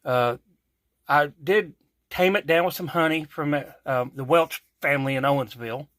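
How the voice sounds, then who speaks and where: A man's voice: a little high, normal speed, a bit bright, dry recording. A man from Kentucky with an Appalachian accent hosting a home cooking vlog in a folksy, chatty way, correcting himself as he goes. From Kentucky, USA. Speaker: cooking channel host. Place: home kitchen.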